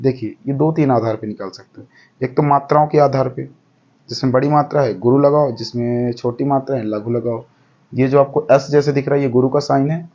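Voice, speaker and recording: A man's voice: medium pitch, mellow, lo-fi sound. A man teaching a lesson step by step, counting aloud and often checking that the class follows. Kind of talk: explaining a lesson.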